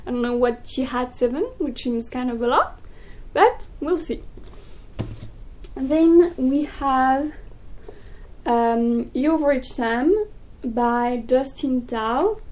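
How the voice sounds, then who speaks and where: High-voiced, excitable young woman. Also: poor audio. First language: French. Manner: excitable, gushing, quick bursts. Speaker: book vlogger. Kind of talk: casual chat to camera.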